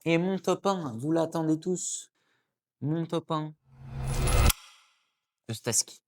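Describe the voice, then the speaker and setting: An excitable man giving casual pack-opening commentary to his viewers. He is chatty and talks to the audience as "guys", often jumping into high, excited exclamations and jokey asides. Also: slow, heavy background noise. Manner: excitable, chatty, keeps addressing viewers as "les gars". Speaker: card-opening YouTuber.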